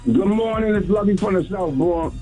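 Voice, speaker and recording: A man's voice: high voice, moderate pace, dark tone, faint music behind. A man calling in to a radio show, apologetic and earnest, his voice muffled and gurgling as if underwater over a breaking-up phone line. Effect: muffled underwater-sounding phone line. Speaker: caller. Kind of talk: call-in radio chat. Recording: garbled phone call, off-mic.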